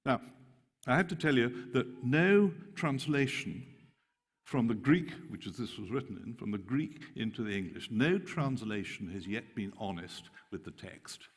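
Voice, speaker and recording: Animated preacher man in a reverberant hall. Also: mid-range voice, a little slow, breathy edge. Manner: animated, mocking tone when quoting scripture. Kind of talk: conference sermon. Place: large hall.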